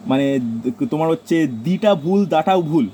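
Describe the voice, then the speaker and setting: Bengali-accented teacher, mellow voice. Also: male voice, on the high side, brisk, slight background noise. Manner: repeats points and tells students to note them down. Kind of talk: classroom grammar lesson.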